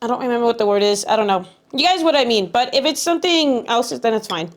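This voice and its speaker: A woman's voice: on the high side, lively intonation, fast. A woman livestreamer chatting casually with her viewers in a cute, bubbly anime-streamer way, often repeating herself.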